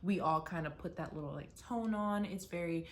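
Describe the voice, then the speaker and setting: A young woman from the United States vlogs from her apartment while packing to move, rambling casually to the camera with many "like" fillers and restarts. Her voice is fairly low and moves at a normal speed.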